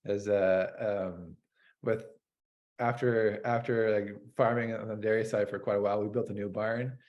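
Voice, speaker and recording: A man's voice: fairly low pitch, little pitch movement, normal speed, highs cut off. A man from North America, a dairy farmer hosting an interview, talking in a hesitant, rambling way with lots of fillers. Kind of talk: casual interview chat.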